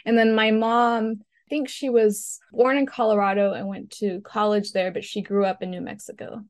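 A woman's voice: medium pitch, little pitch movement, normal speed, no echo, studio quality. A woman from Ecuador, a food blogger, telling chatty stories from her childhood as an interview guest. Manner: chatty storyteller, laughs while telling. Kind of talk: casual interview chat.

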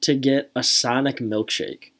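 A woman's voice: extremely low pitch, steady tone, a little slow. A young woman from Michigan in her twenties, co-hosting a casual podcast chat and rambling with lots of filler words. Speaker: podcast co-host.

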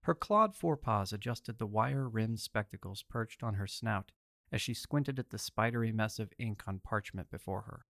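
A man's voice: on the low side, expressive, normal speed, vocal fry, a bit bright, no room sound, studio quality. A man hosting and narrating an audio story collection in a theatrical storyteller manner. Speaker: host and narrator.

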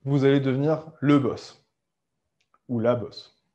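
A man giving a casual, conversational talk on starting a business, full of fillers and quick self-corrections. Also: medium pitch, fairly even intonation, dark tone, highs cut off. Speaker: entrepreneurship coach. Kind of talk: casual explanatory talk to camera.

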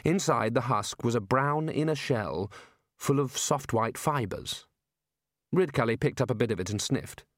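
Man reading a novel out loud, even steady voice, dry close mic. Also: mid-range voice, no echo. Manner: measured, storytelling. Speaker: audiobook narrator. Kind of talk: scripted narration.

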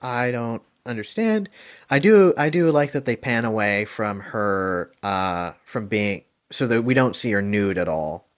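A man's voice: lowish voice, expressive, unhurried. A man hosting a casual podcast movie review, rambling and hesitant with lots of ums and likes, chuckling now and then.

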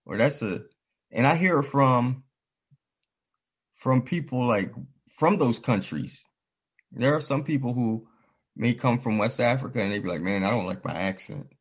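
Earnest, husky-voiced man talking. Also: mid-range voice, lively intonation, measured pace, pauses often. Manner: earnest, reflective, storytelling with quoted voices. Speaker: podcast host. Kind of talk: casual conversation.

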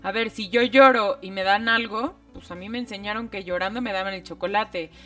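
A woman's voice: mid-range voice, fairly quick, a bit bright, distant mic, faint music behind. A woman co-hosting a parenting conversation, chiming in with agreement and short points of her own. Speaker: parenting podcast co-host. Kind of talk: casual conversation.

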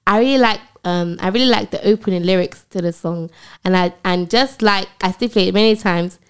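A young woman co-hosting a podcast, excitable and animated in casual chat. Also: mid-range voice, clear, resonant tone. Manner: excitable, animated shout-outs and quick apologies. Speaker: podcast co-host.

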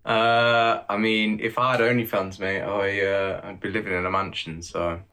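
A man chatting on a podcast, making slow, dry quips, recorded on a phone. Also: lowish voice, little pitch movement, pushed and bright. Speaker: podcast co-host. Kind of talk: casual chat.

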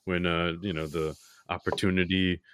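Deep, bright, crisp-voiced male co-host. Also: little pitch movement, normal speed, no room sound, studio quality. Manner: laid-back, philosophizing. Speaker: podcast co-host. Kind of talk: casual podcast chat.

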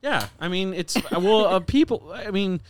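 Young guy podcast host, smooth clear voice, super dry sound, chatty storyteller, swears a bunch. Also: high voice, moderate pace, no room sound. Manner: animated storyteller, profane, talkative, acts out quotes. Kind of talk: casual podcast chat.

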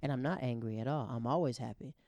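Here a show host, who spent his youth in the Netherlands and Japan, riffs casually on social issues and acts out quoted remarks. The pace is quick, the mid-range voice darkish, and there's no room sound.

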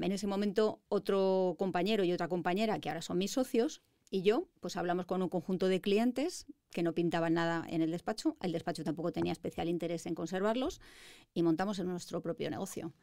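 A woman's voice: on the low side, fairly quick, warm tone, dry recording, clean studio sound. Confident Spanish woman in her fifties. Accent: Madrid Spanish. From Spain. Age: 50s. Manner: confident, articulate storytelling. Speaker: guest, lawyer. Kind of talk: interview conversation.

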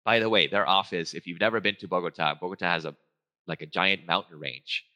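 A low-pitched man gives a casual talk on stage. His voice is bright and forceful, and he wanders through his points with lots of "um"s, restarts and quick self-corrections. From Venezuela. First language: Spanish. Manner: rambling, full of fillers and restarts. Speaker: guest speaker, research trainer.

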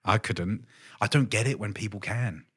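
A man with a very low voice hosts a relaxed podcast chat, rambling and restarting as he goes and swearing casually. The sound is dry and close, with no room around it. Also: normal speed, husky, no room sound. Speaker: podcast host, tattooer.

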